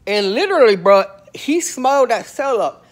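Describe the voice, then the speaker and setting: A man telling comic prison stories in a slangy, animated way, swinging between loud and soft. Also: very high voice, moderate pace. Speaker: storyteller about prison life. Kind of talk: comedic storytelling monologue.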